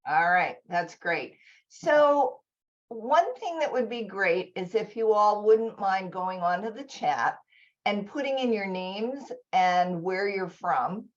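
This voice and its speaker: A woman presenting a conference session over a video call, enthusiastic and informal, talking in quick bursts. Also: mid-range voice, expressive, dull audio.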